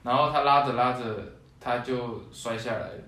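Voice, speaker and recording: A young man tells childhood anecdotes in a loose chat, breaking into laughter often. His voice sits at a middling pitch and comes from a little off the mic. The room around him rings with echo. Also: fairly even intonation, normal speed, sharp tone. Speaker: podcast co-host. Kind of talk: casual chat, storytelling. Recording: roomy echo, distant mic.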